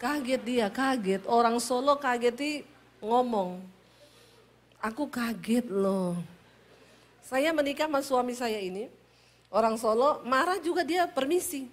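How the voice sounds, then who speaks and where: High-voiced Sulawesi woman pastor preaching. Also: normal speed, slight background noise. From Sulawesi, Indonesia. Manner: loud, animated, high-toned speech. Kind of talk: humorous sermon storytelling.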